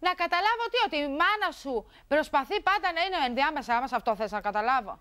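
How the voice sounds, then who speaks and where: A woman's voice: high voice, sing-song, sharp tone. A woman guest on a television talk show, arguing heatedly with her husband and mimicking what others said. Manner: agitated, quotes others mockingly. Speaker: guest in a couples dispute. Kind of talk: heated studio argument.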